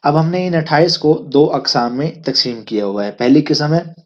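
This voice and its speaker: A man teaching a recorded Arabic lesson, explaining step by step, checking understanding as he goes, and slipping into slow, deliberate English. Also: on the high side, expressive. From Pakistan. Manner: recites letters slowly one by one. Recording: slightly dull lo-fi sound.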